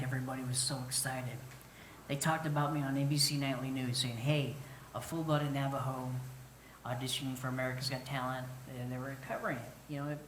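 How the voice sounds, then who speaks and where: A man's voice: medium pitch, slight background noise. Earnest middle-aged man in an echoey room. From northern Arizona, United States. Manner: earnest, halting, with many pauses and fillers. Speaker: Navajo flute musician telling his story. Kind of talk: personal storytelling to an audience.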